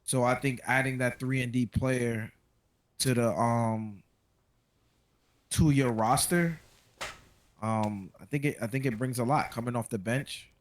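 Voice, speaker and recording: A man's voice: medium pitch, steady tone, a little slow, pauses often, slight background noise. A man on a casual sports podcast who gives his views hesitantly, with many ums. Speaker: podcast co-host.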